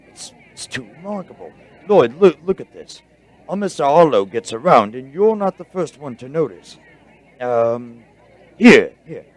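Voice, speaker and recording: In a radio drama, an actor voices an excitable, bookish male scholar, speaking in a husky, fairly high voice. His delivery is halting and explanatory, and he sounds excited.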